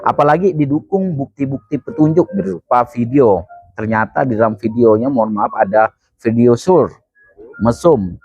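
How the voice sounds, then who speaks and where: A man's voice: medium pitch, normal speed, husky, dry recording, lo-fi sound, faint music behind. A man answers interview questions as a legal expert, explaining points emphatically and repeating key phrases. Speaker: criminal law expert.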